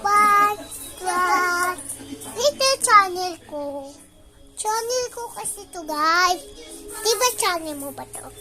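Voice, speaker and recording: A woman's voice: extremely high pitch, takes it slowly. A young girl with missing front teeth and a slight lisp, chatting casually to viewers as a child vlogger. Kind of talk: casual vlog chat to viewers. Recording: music over the voice. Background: loud music.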